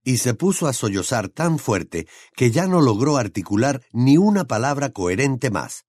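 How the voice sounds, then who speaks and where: Expressive male audiobook narrator. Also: medium pitch, moderate pace, no echo, studio quality. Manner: expressive, dramatic reading.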